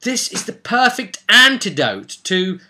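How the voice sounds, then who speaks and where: This man hosts a tutorial series on tabletop role-playing, talking informally and emphatically, sharing opinions and reading out rules as he explains. He sits high in pitch with a sharp, sing-song delivery that's a little slow, and there's a little hiss or hum.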